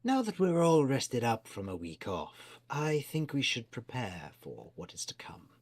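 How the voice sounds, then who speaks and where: A man running a tabletop game as storyteller, narrating theatrically and sometimes dropping to hushed tones. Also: medium pitch, huge pitch swings, measured pace. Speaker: game master.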